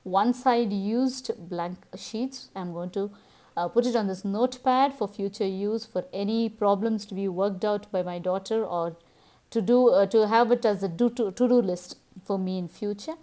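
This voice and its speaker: A woman's voice: medium pitch, moderate pace, mellow. Tamil-accented Indian woman vlogger. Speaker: home vlogger, host. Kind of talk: casual household vlog narration.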